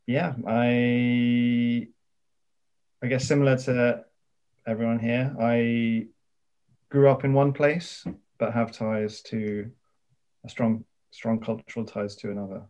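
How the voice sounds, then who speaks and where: Guest, man from London, slow and mellow, muffled recording. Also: mid-range voice, little pitch movement. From London, United Kingdom. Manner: slow and hesitant. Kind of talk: casual panel chat. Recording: dull muffled sound.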